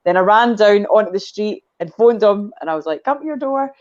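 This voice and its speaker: A woman's voice: medium pitch, lively intonation, brisk, darkish tone, lo-fi sound. A Scottish woman chatting as a guest on a video call, telling a long story and drifting off on tangents. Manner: rambling storyteller, goes off on tangents. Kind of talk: casual chat.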